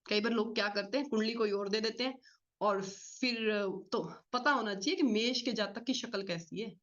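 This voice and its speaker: A woman teaching an astrology class in a fast, explanatory lecture style, often asking and answering her own questions. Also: on the high side, a bit bright. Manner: fast-talking, explains with repeated rhetorical questions. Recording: slightly dull lo-fi audio.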